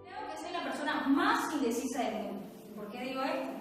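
Young bolivian woman poking fun at herself, high voice, echoey far-off stage sound. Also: expressive, a little fast. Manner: self-mocking, confessional. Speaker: acting student. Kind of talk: comic stage monologue. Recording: echoey hall, far from mic, music behind.

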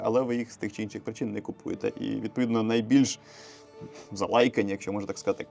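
A man's voice: on the low side, vocal fry, dark tone. A man with a Ukrainian accent hosting a casual knife review show, talking in a chatty, joking way. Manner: chatty, joking, enthusiastic about knives.

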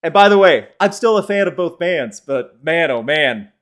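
A man's voice: on the high side, animated, normal speed, a bit bright. A man hosting a live-streamed podcast, talking in a chatty, opinionated way and answering the chat as he goes. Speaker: podcast host.

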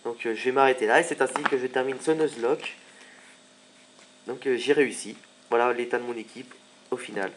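A man's voice: medium pitch, fairly quick, noisy background. A man giving casual gameplay commentary, chatty and joking as he plays. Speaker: let's play commentator.

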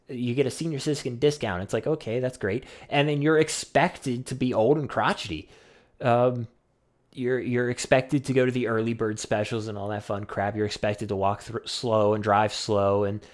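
A young adult man talking casually to the camera in a rambling, wry way, with many fillers and some swearing. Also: medium pitch. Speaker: vlogger.

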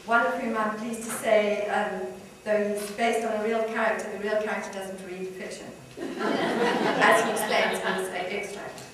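A woman's voice: mid-range voice, steady tone, a little slow, noisy background. A woman novelist reading aloud from her own book and talking about her characters, in an amused way. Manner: warm, amused, with light laughter between passages. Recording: echoey room, far from mic.

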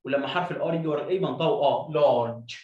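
A man's voice: a little high, distant mic, dull audio. Egyptian guy teaching english, drills the sounds over and over, roomy echo, a bit off mic. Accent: Egyptian Arabic. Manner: fast, drills pronunciation by repeating sounds. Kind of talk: video lesson.

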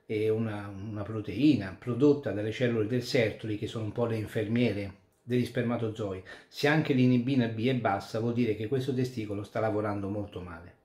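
A man, a urologist and andrologist, calmly explaining a medical topic step by step to viewers. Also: on the low side, brisk. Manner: calm, methodical, explanatory with occasional restarts. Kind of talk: explainer talk to camera. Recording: echoey room.

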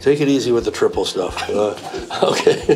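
A middle-aged man exclaims over gemstones in casual chat. His voice sits at a middle pitch, and he keeps repeating words as he gets excited. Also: creaky. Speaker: gem hunter host. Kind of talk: casual chat while buying gems.

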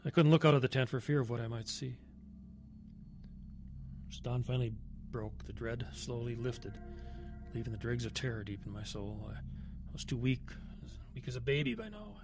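An actor plays a haunted man who survived the wilderness, recounting his terror over background music in the style of an audio horror drama. His mid-pitched voice halts, then swells dramatically, expressive and lightly acted. The mood is one of dread and awe.

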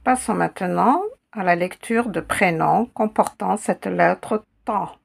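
Slow, patient woman with a gravelly voice. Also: fairly low pitch. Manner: patient, spells out sounds and repeats them. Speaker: Arabic teacher. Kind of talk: slow, careful language lesson.

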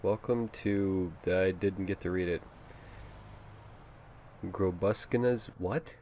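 A man's voice: low voice, slow pace, a little mellow, slight background noise. A young man hosting casual let's-play commentary, joking, swearing and offhand as he plays. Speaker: host.

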